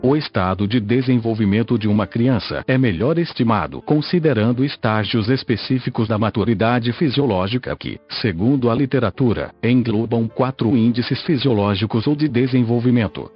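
A man's voice: medium pitch, moderate pace, few pauses, lo-fi sound, faint music behind. A synthesized man's voice with a Brazilian accent, reading a podcast script stiffly and mechanically like an old speech synthesizer. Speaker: podcast host. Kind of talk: scripted narration, reading an article aloud.

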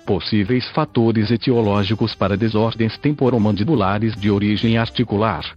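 A man's voice: lowish voice, moderate pace, husky. A synthesized male text-to-speech voice with a Brazilian accent, like an old speech synthesizer, reading a scripted article as a podcast narrator. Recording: dull lo-fi audio with faint music.

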